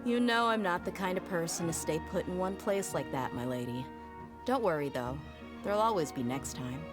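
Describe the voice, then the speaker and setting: A woman's voice: on the low side, lively intonation, normal speed, music in the background, close to an everyday voice. A woman voicing a tough but friendly female mercenary who talks frankly and laughs easily. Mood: apologetic. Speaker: mercenary, former bodyguard. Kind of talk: game voice acting.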